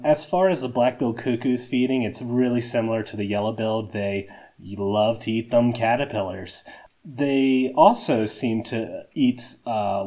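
A man's voice: mid-range voice, a little mellow. A man talks casually from the mouth of a small cave, with cave echo hanging on his voice. His tone is chatty and self-deprecating, with plenty of fillers as he shares field notes. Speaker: nature podcast host. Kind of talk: casual solo field talk.

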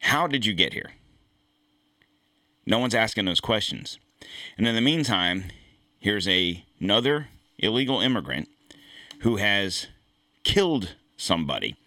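A fairly low-voiced man delivers a loose political commentary monologue as host, circling back and restarting his points in a blunt, profane way. His voice is bright and forceful, and the recording is dry and close, with little room sound. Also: very animated, measured pace, long pauses, dry recording. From United States. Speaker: podcast host.

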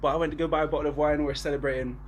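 A man in his twenties with a Bristol accent, hosting a casual podcast chat in relaxed slang. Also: on the high side, very fast, a little hiss or hum, poor audio. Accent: Bristol English. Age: 20s. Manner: relaxed slangy talk with lots of "bro" and "innit". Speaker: podcast host.

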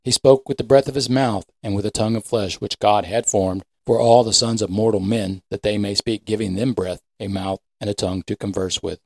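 A man narrating a scripted story with a measured, steady delivery. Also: fairly low pitch, dry recording.

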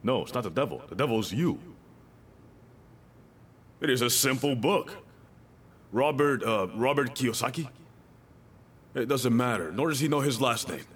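A man's voice: mid-range voice, lively intonation, moderate pace, pauses often, a bit bright, husky. A male pastor preaching a sermon, emphatic and repeating his key lines, with joking asides to the congregation.

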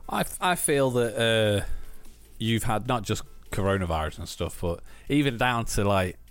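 A man with a slightly low voice hosts a podcast as casual chat. His manner is jokey and he tends to chuckle as he talks. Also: expressive, moderate pace, soft background music. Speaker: podcast host.

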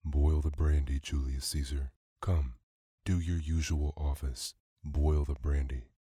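A man's voice: rumbling low, steady tone, unhurried, warm tone, husky, no echo, clean studio sound, heavily acted. A man voicing a drunken, ragged man who repeats himself with fierce insistence. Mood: insistent.

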